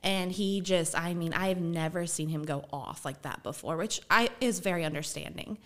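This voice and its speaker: A woman's voice: lowish voice, moderate pace. A woman in her twenties, a podcast guest, telling a personal story in a chatty, casual way and laughing often.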